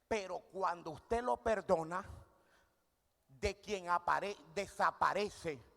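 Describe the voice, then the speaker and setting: A high-voiced male preacher delivers a sermon in a church hall, quizzing the congregation and answering his own questions. His voice carries a gravelly edge. A long reverb trails every phrase. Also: takes it slowly, sharp tone. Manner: asks questions and answers them himself, demonstrating with volunteers. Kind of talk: sermon with audience call-and-response.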